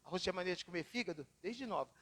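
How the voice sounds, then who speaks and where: A pastor with a high voice preaches in an animated, storytelling way. His pitch leaps up and down as he drives his points home. A long reverb from the church hall trails each phrase. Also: very fast. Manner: animated, dramatic swings in voice. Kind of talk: sermon with personal storytelling.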